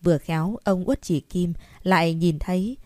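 A woman narrating an audiobook story in a steady, even reading. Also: lowish voice, moderate pace, no room sound.

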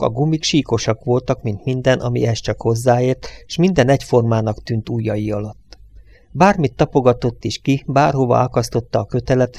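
A man reading an audiobook in a calm, measured narrating voice. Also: mid-range voice, no room sound.

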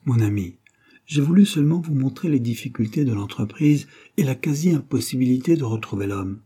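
A man's voice: mid-range voice, expressive, brisk, warm tone, breathy edge, pitched above the performer's own voice. A man reading an earnest, cautious suitor.

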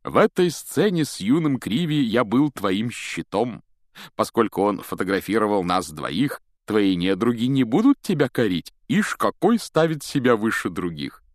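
A man's voice: on the high side, huge pitch swings, unhurried, no echo, studio quality, voice pushed up. A man voicing a vain, pompous wizard teacher who talks in a grand, sing-song way, in an audiobook. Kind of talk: audiobook character voice.

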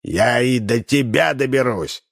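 A man reading an audiobook and voicing a shrill, cantankerous old man who shrieks his lines. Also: unhurried, gravelly, no room sound, clean studio sound. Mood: defiant. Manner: shrieking, squealing.

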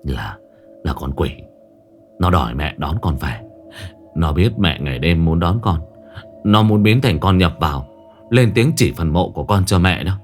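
Narrator doing a possessed man channeling a fallen soldier, low and hurting, hushed, storybook ghost tale. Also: animated, measured pace, long pauses, soft background music. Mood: pained pleading. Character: possessed man speaking as a dead soldier's spirit, pleading.

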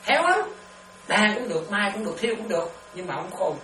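A woman's voice: medium pitch, quick pace. A woman giving a dharma talk as a Buddhist nun, laughing often and checking again and again that her listeners follow. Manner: lively, laughs often, keeps checking understanding with questions. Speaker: Buddhist nun teaching meditation. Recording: echoey room, distant mic, noisy.

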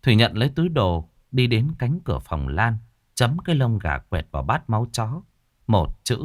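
A man narrating a horror story in a slow, suspenseful storytelling manner. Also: mid-range voice, big pitch swings, no room sound, studio quality.

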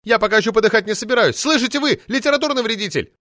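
In an audiobook reading, a man voices a pompous, imperious woman poet, shrieking in shrill outrage, full of indignation, and repeatedly name-dropping her powerful friends. The woman's voice he produces is fairly high-pitched, racing and fairly bright, pitched above his own voice but close to an everyday one. The studio-quality recording has no echo.

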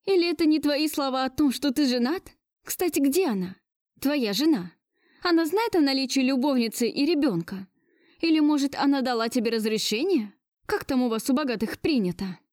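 A woman voicing a distraught young woman who confronts her lover in shrill, near hysterical outbursts. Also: animated, a little fast, darkish tone, dry recording, clean studio sound. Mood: bitter, shrill.

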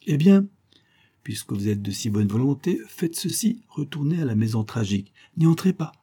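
A shrewd detective who teases and keeps his plans to himself, read by a man. The voice is husky and dark in an audiobook reading. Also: medium pitch, big pitch swings, normal speed. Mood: sly. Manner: sly, teasing. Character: shrewd playful male detective.

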